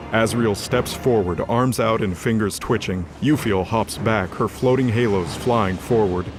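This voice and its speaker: Over clearly audible music, a man with a fairly low voice narrates a fantasy audio drama. He delivers the scripted action dramatically, like a storyteller.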